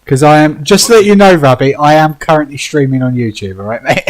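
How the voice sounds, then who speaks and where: A man's voice: on the high side, a little fast, poor audio. Teasing British man hosting a stream. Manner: teasing, swearing, laughing often. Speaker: streamer host. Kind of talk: casual gaming chat.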